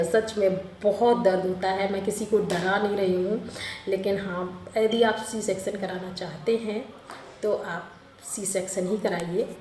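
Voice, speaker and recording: A young adult woman telling her own childbirth story in a casual, expressive way, correcting herself as she goes. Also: mid-range voice. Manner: chatty and expressive, with self-corrections and a few laughs. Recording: roomy with faint background noise.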